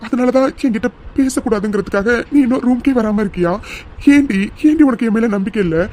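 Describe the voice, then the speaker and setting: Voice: medium pitch, brisk, warm tone, natural voice. A voice actor playing a young husband in a cartoon serial, pleading and tearful, repeating himself.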